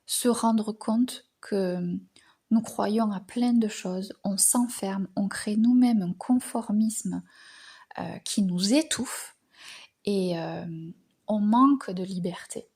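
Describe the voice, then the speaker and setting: Woman, from France, astrology host, reflective monologue, unhurried, breathy, halting with fillers, trailing whispers. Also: mid-range voice, dark tone. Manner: hesitant, frequent filler pauses, words trailing off into whispers.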